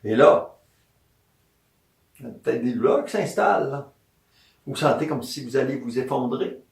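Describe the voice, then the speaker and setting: A Quebec French-accented massage therapist gives an informal, animated health talk, repeating his points and asking and answering his own questions. His voice is medium-pitched with vocal fry at a moderate pace, recorded in an echoey room with a distant mic.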